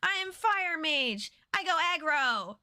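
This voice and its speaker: A woman's voice: high-pitched, very animated, slow, bright, forceful tone, no room sound, studio quality, pitched above the performer's own voice, full character voice. A woman voicing a hotheaded young female fire mage who is brash and impatient.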